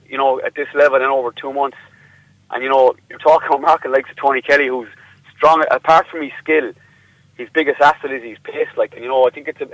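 A man's voice: mid-range voice, fairly bright tone, dry recording, poor audio. A man with a western Irish accent giving conversational sports analysis as a pundit. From County Clare, Ireland.

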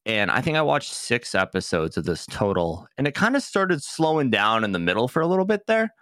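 A man's voice: mid-range voice, sing-song, fairly quick, a bit bright, dry recording, studio quality. A man co-hosting a casual podcast, talking like a slangy, sweary fan. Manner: slangy, profane, filler-heavy fan talk. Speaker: podcast co-host.

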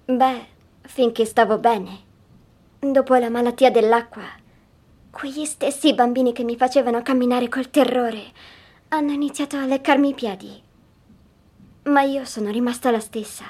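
An actress playing a young girl who calmly and quietly recounts a strange dream in an audio drama. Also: on the high side, natural voice. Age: child figure. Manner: calm, hushed storytelling.

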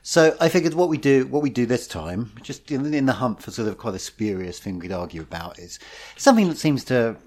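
A man's voice: mid-range voice, expressive, a little fast, a little mellow. A man hosting a podcast, wry and teasing, talking in rambling casual chat. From East London outskirts. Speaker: podcast host.

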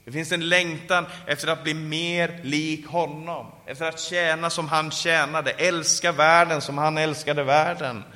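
A man's voice: steady tone, few pauses, bright, forceful tone. A man preaching a sermon at a summer conference and closing in fervent prayer. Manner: fervent, rising to calls and dropping low in prayer. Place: conference hall. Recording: live sermon in a reverberant hall.

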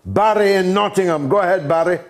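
A man's voice: sits high, fairly quick, a loud crowd. A man hosting a radio phone-in, blunt and emphatic, trading quips with callers. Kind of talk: opinionated talk radio.

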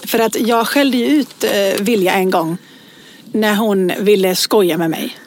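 A woman's voice: mid-range voice, slight background noise. A woman in her forties telling anecdotes in casual chat, acting out voices as she tells them. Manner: animated storyteller, acts out voices in anecdotes. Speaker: podcast co-host.

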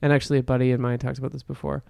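A man co-hosting a podcast, talking in a loose, rambling way that often restarts mid-sentence. His voice has a gravelly edge and sits in a middle pitch. The sound is dry and close. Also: level tone, racing, dark tone, no echo. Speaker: podcast co-host. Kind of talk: casual chat.

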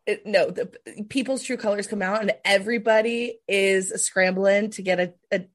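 A woman in her thirties hosting a podcast in casual chat, talking in a chatty, self-mocking way with quick asides, wired on caffeine. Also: mid-range voice, fairly even intonation. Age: 30s. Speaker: podcast host.

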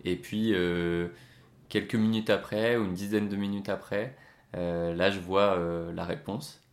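A man's voice: low-pitched, flat delivery, measured pace. A man hosting a podcast, telling a story casually with many hesitations and fillers before interviewing his guest. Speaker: podcast host.

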